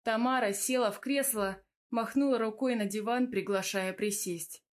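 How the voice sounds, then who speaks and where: A woman narrating a first-person audiobook in a steady, even manner. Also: a little high, normal speed. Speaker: audiobook reader.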